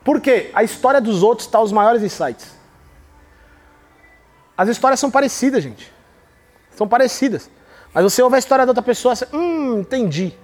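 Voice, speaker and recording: High-voiced man giving a devotional talk. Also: animated, fairly quick, long pauses. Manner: emphatic, acts out quoted voices while telling stories. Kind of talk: devotional podcast teaching.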